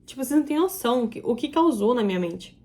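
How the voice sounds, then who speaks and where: Young female vlogger, slightly high pitch, confessional and emotional, speaking directly to viewers. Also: animated, fast talker, dark tone. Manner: emotional, confiding, talks straight to viewers. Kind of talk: confessional storytelling to camera.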